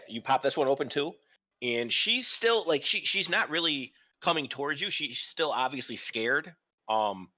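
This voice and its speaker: Bright-voiced game master, muffled audio. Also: male voice, medium pitch. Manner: hesitant narration with many ums and restarts. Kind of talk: narrating a tabletop game online.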